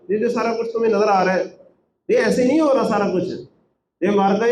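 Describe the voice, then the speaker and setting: A man with a fairly high voice teaches from scripture, reciting verses and then explaining them with rhetorical questions. The room is echoey, with faint noise underneath. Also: a little mellow. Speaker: Quran translator and teacher. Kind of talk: Quran translation with commentary.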